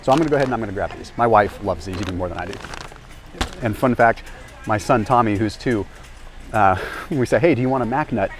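A man's voice: on the low side, fast talker, pauses often. A man in his thirties talking energetically to camera as he walks a warehouse store aisle, explaining nutrition with a lapel mic. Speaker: health and nutrition vlogger. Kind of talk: educational grocery walk-through. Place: large indoor warehouse store. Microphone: small lapel mic.

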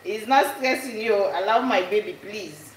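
Slow, chatty woman cooking in an echoey kitchen. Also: mid-range voice, animated, a little hiss or hum. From Sierra Leone. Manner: chatty, laughs often, mixes in Italian phrases. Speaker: cooking vlogger. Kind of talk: casual live cook-along chat. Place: home kitchen. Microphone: camera above the stove.

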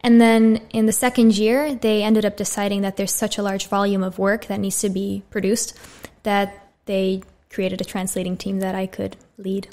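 This American woman in her twenties talks at a moderate pace in a mid-range voice, rarely pausing. As a medical student guesting on a podcast, she keeps the interview casual, friendly and relaxed, opening lots of lines with "so." The setting is a small, bright studio, recorded on a condenser mic on a boom arm.

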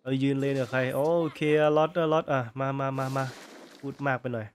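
Sick Thai gaming host, excitable. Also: male voice, medium pitch, a little hiss or hum. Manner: excitable, rapid repeated exclamations. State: sore throat from illness. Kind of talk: live gameplay commentary.

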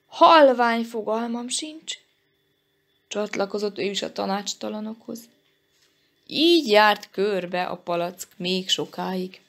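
A woman librarian reading a children's story aloud in a gentle, measured way. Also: mid-range voice, gravelly.

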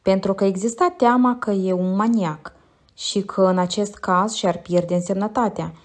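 A woman narrating a literary audiobook in a measured, quiet, reflective way. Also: medium pitch, steady tone.

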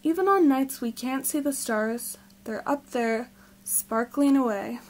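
A woman reading aloud, voicing a gentle, loving mother raccoon who speaks in a warm, soothing, motherly way. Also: sits high, measured pace.

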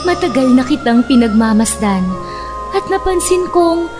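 A woman voicing a kind, gentle forest fairy who grants wishes in a children's cartoon story, soothing and solemn. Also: sits high, animated, normal speed, music in the background. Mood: kindly.

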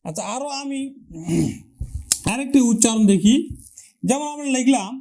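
A man teaching a lesson, patiently asking questions, answering them himself and repeating words slowly for pronunciation drills. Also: extremely high pitch, mellow. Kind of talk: classroom-style lesson.

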